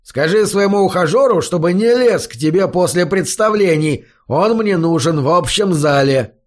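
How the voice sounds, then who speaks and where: A man's voice: a little high, expressive, a little slow, pitched above the performer's own voice. A man voicing a short, balding, hot-tempered male innkeeper who barks and scolds. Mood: angry. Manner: barking, scolding.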